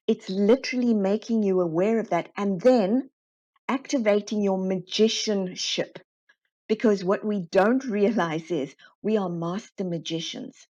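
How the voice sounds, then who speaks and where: A woman guest in an interview, explaining her work in a lively way and acting out the dialogue she quotes. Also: mid-range voice. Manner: animated, acts out quoted dialogue. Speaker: guest, constellation facilitator. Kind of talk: conversational interview storytelling. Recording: slightly dull, muffled audio.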